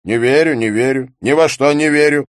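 Man doing a sardonic provincial gentleman in a storybook reading: blunt, grumbling, mid-pitched, dry sound. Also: dry recording, natural voice. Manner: sarcastic, blunt, drawn-out grumbling. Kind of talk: audiobook character reading.

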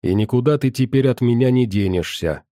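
A man voicing a teasing, gently ironic young man in an audiobook. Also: medium pitch, lively intonation, brisk, dry recording, clean studio sound, close to an everyday voice. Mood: tender.

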